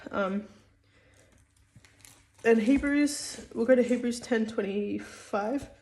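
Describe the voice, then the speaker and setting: A woman's voice: a little high, slow pace, a little mellow. A woman giving a casual spoken religious teaching, hesitant, with many fillers and restarts.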